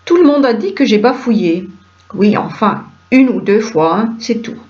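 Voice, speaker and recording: A woman reading a stage play aloud and voicing all the roles, moving briskly through quick back-and-forth dialogue. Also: mid-range voice, expressive, a little mellow. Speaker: reader of a play script. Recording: dull lo-fi recording.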